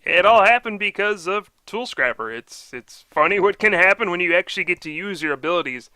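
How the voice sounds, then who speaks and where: A man's voice: sits high, lively intonation, brisk, sharp tone, dry recording. A man doing live card game commentary, upbeat and analytical, explaining each play.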